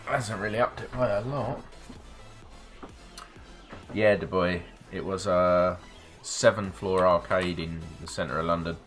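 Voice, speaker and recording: A man's voice: sits low, steady tone, measured pace, pauses often, fairly bright tone, soft background music. A middle-aged man streaming a game, rambling wryly between asides and swearing casually. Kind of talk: casual gameplay commentary.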